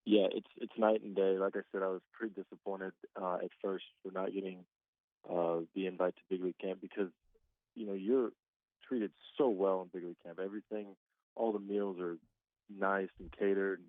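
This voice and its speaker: Speaking at a moderate pace, a low-pitched man of twenty-five chats by phone as a guest baseball player. There's no echo on the tinny, dry line, and his relaxed manner comes with frequent laughter.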